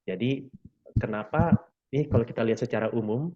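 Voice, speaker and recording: A man leading a Bible study, patiently explaining scripture to group members and filling pauses with "eh". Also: mid-range voice, dull audio. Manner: patient, explanatory, frequent fillers.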